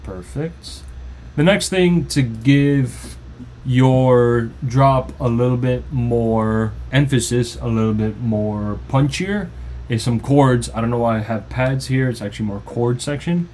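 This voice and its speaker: A man's voice: mid-range voice, slow, a little mellow, a little hiss or hum. A man, a music producer, giving a loose, informal tutorial walkthrough of his own song. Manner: loose, informal explaining with restarts. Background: faint music playing.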